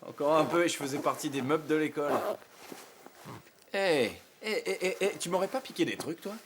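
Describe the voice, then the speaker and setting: A man's voice: a little high, fairly quick, noisy background, close to an everyday voice. An actor playing a jittery, joking young male student in a dubbed TV drama. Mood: teasing. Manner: panicky then teasing.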